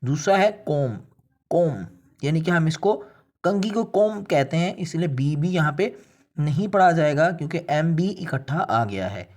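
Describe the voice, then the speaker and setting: A man's voice: fairly high pitch, expressive, a little slow, a little mellow. A man from Pakistan, an English teacher, explaining pronunciation rules step by step in a video lesson and speaking straight to his viewers.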